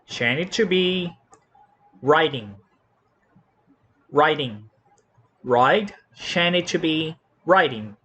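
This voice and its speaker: Speaking very slowly and deliberately, a Thai-accented man explains English spelling rules in a classroom style. His fairly high voice swings widely in pitch as he repeats each word and spells out the letters, sounding animated, bright and forceful with a breathy edge.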